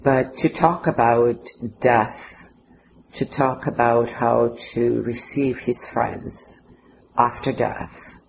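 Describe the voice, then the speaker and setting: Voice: mid-range voice, level tone, takes it slowly, creaky, a little hiss or hum, low-quality recording. A guest speaking in earnest, formal phrases, sharing personal memories in a radio interview.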